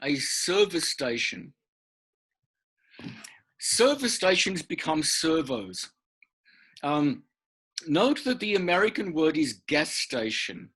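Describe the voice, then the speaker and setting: A man's voice: a little high, big pitch swings, takes it slowly, long pauses, fairly bright tone, breathy edge. A man teaching an online workshop, patiently explaining and repeating words for emphasis, heard over a video call. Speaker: English teacher.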